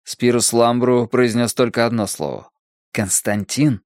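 Male audiobook narrator, mid pitch, measured dramatic reading, dry close studio mic. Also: a little mellow, no room sound. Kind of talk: scripted narration.

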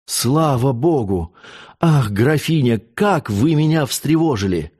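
An earnest young nobleman from an old storybook, read by a male narrator. He asks with urgency and rises in pitch with lively swings. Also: takes it slowly, breathy edge. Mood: relieved.

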